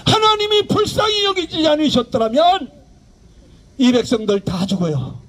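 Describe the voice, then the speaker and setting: A preaching man with a strikingly high voice delivers an outdoor evangelistic sermon. He presses his points emphatically and keeps asking rhetorical questions. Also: lively intonation, moderate pace, fairly bright tone. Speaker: pastor, street evangelist. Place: outdoor public park.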